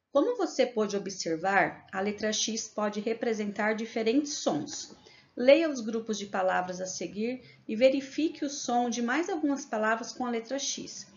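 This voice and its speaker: A Brazilian woman teaching a remote lesson to young children, reading word lists slowly and clearly, then explaining tasks briskly. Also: a little high, highs cut off. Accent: Brazilian Portuguese.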